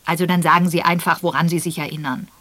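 A woman voicing a blunt, frank old rich man who talks loudly and gruffly and gives orders. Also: lowish voice, little pitch movement, quick pace, no echo. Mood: blunt, commanding.

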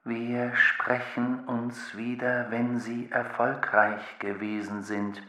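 A man voicing a calm, cryptic thinking machine in an audiobook, speaking slowly and formally with an echoing machine effect. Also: mid-range voice. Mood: aloof. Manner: slow, measured, formal. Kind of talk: audiobook character voice. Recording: roomy echo on the voice.

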